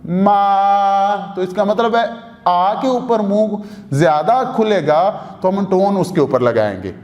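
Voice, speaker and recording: High-voiced guy with urdu accent teaching students, says each rule twice, lots of questions, bit of reverb. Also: expressive, unhurried, a little mellow, muffled recording. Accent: Pakistani Urdu. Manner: addresses students directly, repeats rules, asks questions. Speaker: language teacher. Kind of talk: explanatory lesson.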